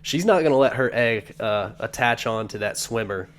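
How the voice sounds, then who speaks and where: A man's voice: medium pitch, expressive, moderate pace, slight background noise. A man co-hosting a podcast, chatting casually with crude, profane banter. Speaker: podcast co-host. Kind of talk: casual chat.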